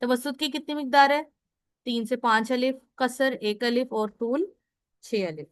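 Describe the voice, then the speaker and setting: A woman gives a recorded lesson on Quran recitation, explaining each point in turn and pausing to check that her listeners follow. Her voice is smooth, resonant and slightly high. The sound is dry and close, with no room echo. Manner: explains step by step, often checking in with "ठीक है"; asks questions and answers them herself. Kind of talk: recorded lecture.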